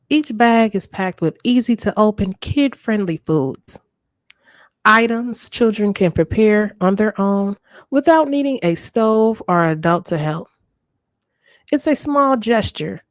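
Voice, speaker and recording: A woman's voice: mid-range voice, no echo. A woman hosting a gossip reaction channel, reading aloud and commenting casually.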